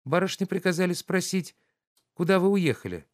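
A man reading a young housemaid in a raised, quick and eager voice. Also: high voice, animated, voice pushed up.

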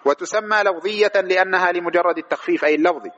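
A man's voice: high voice, rapid-fire, a bit bright. A man teaching a grammar class, reading from the text and explaining it, who asks the students questions and answers them himself. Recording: dull lo-fi lecture recording with faint noise.

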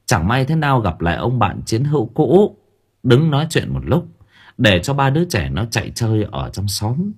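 A man narrating a first-person audiobook story, expressive and dramatic, stammering in tense moments. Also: mid-range voice, normal speed, husky.

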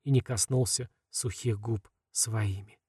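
A man narrating a fantasy audiobook in a calm, measured way, often letting phrase endings fall quiet. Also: fairly low pitch, breathy edge, no room sound, clean studio sound.

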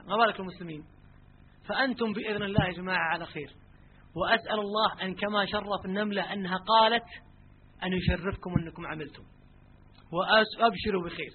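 High, fast-talking preacher on a tinny line. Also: male voice. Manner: lively, asks the crowd rhetorical questions. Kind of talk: colloquial sermon with storytelling. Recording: tinny phone-like lo-fi recording with faint noise.

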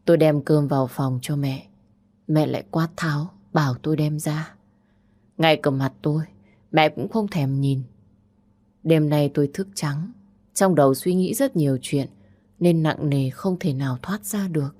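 Low-voiced woman narrating a sad story. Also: a little slow, mellow, dry recording. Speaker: audiobook narrator. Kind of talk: first-person story narration.

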